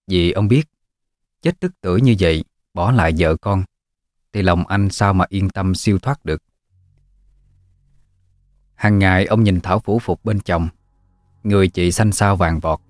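Low-voiced man telling a ghost story. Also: darkish tone, no echo, clean studio sound.

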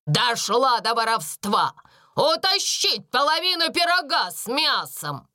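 A woman voicing a harsh, furious schoolmistress who scolds loudly and slowly in a storybook reading. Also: fairly high pitch, big pitch swings, dry recording, clean studio sound, pitched above the performer's own voice, heavily acted. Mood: furious scolding. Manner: shouting, slow and scolding.

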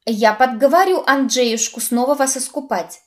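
A woman voicing a flustered, sharp-tongued young witch who scolds shrilly and trips over her words. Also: high-pitched, normal speed, pitched above the performer's own voice, natural voice. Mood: indignant, shooing.

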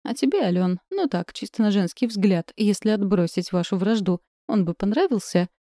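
A woman's voice: mid-range voice, animated, normal speed, mellow, no room sound, studio quality, close to an everyday voice. A woman reading an audiobook, voicing an easygoing young man who teases his friends lightly. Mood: teasing. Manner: breezy, teasing.

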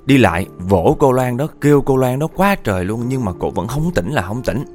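A man's voice: medium pitch, lively intonation, brisk, a little mellow. Man, ghost story narration, chatty, faint background music. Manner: chatty, addresses listeners directly.

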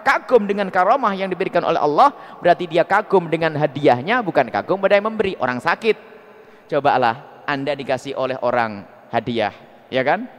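Animated high-voiced male preacher in hall. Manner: animated, swings from soft to loud. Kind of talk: sermon. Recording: long hall reverb.

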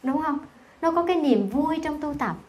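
A Buddhist nun gives a Dharma talk in a clearly high voice. She speaks conversationally and keeps asking her listeners questions. When she recites scripture she slows into a soft, gentle chant. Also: animated. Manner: conversational, asks the audience questions often. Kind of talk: Dharma talk to a temple audience.

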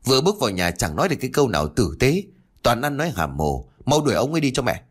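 A man voicing a sharp-tongued, angry old village woman who scolds and shouts. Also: medium pitch, big pitch swings, rapid-fire, slightly rough, pitched above the performer's own voice. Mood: scolding.

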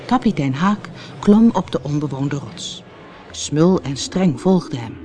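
Lively storyteller from the Netherlands. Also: mid-range voice, measured pace, slight background noise. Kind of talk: audiobook fairy tale narration.

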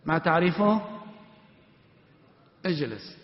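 A man teaching an Islamic study class, quizzing students one by one in a commanding, brisk way with a sometimes chant-like delivery. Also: fairly high pitch, animated. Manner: commanding, brisk orders to stand and sit. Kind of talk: classroom question and answer. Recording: echoey hall, dull lo-fi sound.

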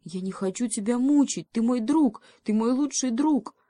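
A woman's voice: on the high side, moderate pace, warm tone, no room sound, clean studio sound, pitched above the performer's own voice, close to an everyday voice. A woman voicing a young male beaver, a loyal friend who speaks in a pleading, heartfelt way, in a storybook reading. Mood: tender, pleading.

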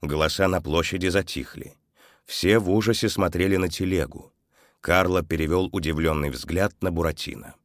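A man narrating a children's story expressively, his voice softening at the sad moments. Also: low voice, moderate pace, dry recording, clean studio sound.

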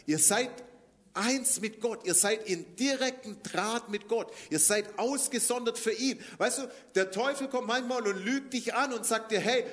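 A man preaching a sermon in German, lively and often laughing, rising to emphatic declarations as he quotes scripture. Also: high voice.

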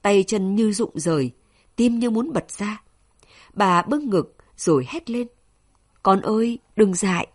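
A woman narrating a novel with an expressive, emotional reading. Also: medium pitch, a little slow, breathy edge. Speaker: audiobook narrator.

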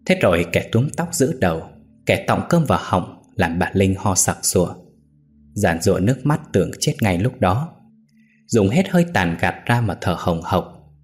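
Low-voiced male storyteller over soft music. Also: big pitch swings, moderate pace. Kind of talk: dramatic story narration. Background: faint music.

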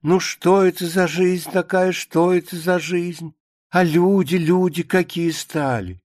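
A man's voice: high-pitched, steady tone, slow, darkish tone, no room sound, clean studio sound, pitched above the performer's own voice. A man reading a pious grumbling housewife. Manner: complaining, sanctimonious. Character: pious grumbling middle-aged woman, household mistress. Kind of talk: dramatic reading of a play.

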